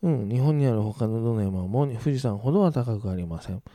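Male English teacher, dark warm tone, dry booth sound, brisk and playful delivery. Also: medium pitch, animated, no room sound. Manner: brisk teacherly, slows right down to model English words clearly; casual rough-edged male speech, playful asides. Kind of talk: recorded English pronunciation lesson.

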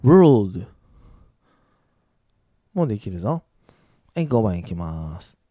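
A man teaching an English pronunciation lesson, brisk and casual, with playful asides. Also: sits low, big pitch swings, dark tone, no room sound. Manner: brisk teacherly, slows right down to model English words clearly; casual rough-edged male speech, playful asides.

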